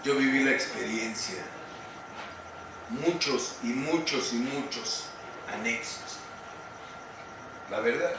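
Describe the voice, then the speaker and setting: A man's voice: medium pitch, slow, long pauses. A Mexican man telling his recovery story at a group meeting, slangy and profane, acting out what people said. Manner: colloquial, profane, storytelling with acted quotes. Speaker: speaker sharing recovery testimony. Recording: echoey hall from far off, noisy.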